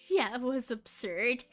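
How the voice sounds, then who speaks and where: Young woman vlogger, giggly and rambling, slow, bright tone, faint music behind. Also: fairly high pitch. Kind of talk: casual rambling chat.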